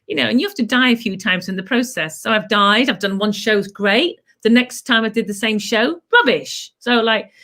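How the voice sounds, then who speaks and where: A middle-aged woman who teaches clowning, telling stories in a chatty, animated way. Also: fairly high pitch, normal speed, hardly any pauses. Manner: chatty, animated storytelling with playful asides. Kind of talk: casual chat.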